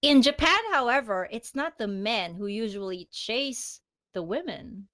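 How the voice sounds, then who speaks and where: A woman's voice: a little high, expressive, measured pace, fairly bright tone. A woman co-hosting a podcast in casual chat, laughing often as she talks. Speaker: podcast co-host.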